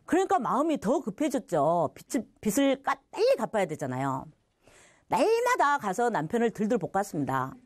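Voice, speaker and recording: A woman's voice: a little high, huge pitch swings, moderate pace, no echo. A middle-aged woman telling her personal church testimony, acting out what others said and laughing now and then. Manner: storytelling with quoted voices and laughter.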